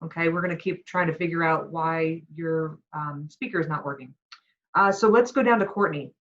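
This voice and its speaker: A woman's voice: low-pitched, normal speed, fairly bright tone, lo-fi sound. A woman instructor calling on students one by one during an online class. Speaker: course instructor. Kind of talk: online class roll call. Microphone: video call.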